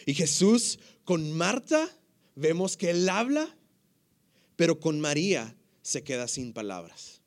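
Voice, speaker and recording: A man preaching a sermon. He reads scripture expressively and drops to a hushed voice when he prays. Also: fairly high pitch, slow pace. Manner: expressive reading, hushed in prayer. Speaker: pastor.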